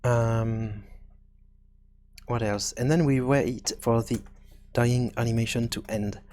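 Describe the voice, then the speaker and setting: A man presents an informal software tutorial, thinking aloud and halting often to correct himself. His mid-range voice keeps a fairly even intonation.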